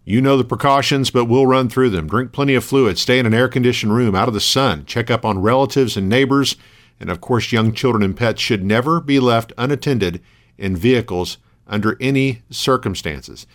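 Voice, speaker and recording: A man hosting a local radio news program, reading scripted items in a measured, matter-of-fact way. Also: medium pitch.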